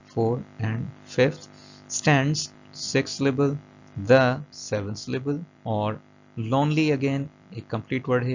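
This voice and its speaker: A male English teacher explains a lesson over slides, mixing English terms into Urdu-flavoured Hindi. His medium-pitched voice is gravelly, and he is patient, repeating points and checking understanding. The voice-over is dull and lo-fi, with soft music.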